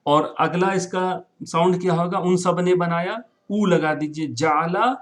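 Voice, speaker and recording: A man's voice: high-pitched, steady tone. A man teaching Arabic verbs in Urdu, mixing in English words, repeating forms and often checking with "right?". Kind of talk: classroom-style recorded lesson.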